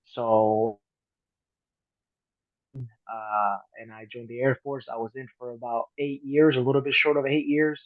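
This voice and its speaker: A man in his thirties from Colombia, a podcast guest talking earnestly, often trailing off softly. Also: mid-range voice, fairly even intonation, measured pace, pauses often, no echo. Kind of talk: casual interview chat. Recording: dry, phone-like call audio.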